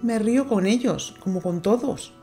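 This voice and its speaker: A woman's voice: medium pitch, lively intonation, normal speed, warm tone, faint music behind, pitched above the performer's own voice, lightly acted. A woman voicing a playful, coquettish young girl in a storybook, sweet and mocking. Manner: sweet, mocking, sobbing by turns.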